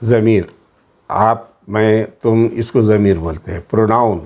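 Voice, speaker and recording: Speaking with a Hyderabadi Urdu accent and a voice on the low side, this Arabic teacher drills his class. He repeats every word alongside its meaning at a steady rhythm, slipping English words in as he goes.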